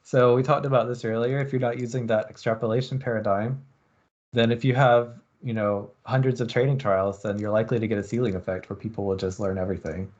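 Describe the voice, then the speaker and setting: A man lecturing at a university, explaining experiment design in a relaxed way and thinking aloud with frequent ums. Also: mid-range voice, quick pace, lo-fi sound.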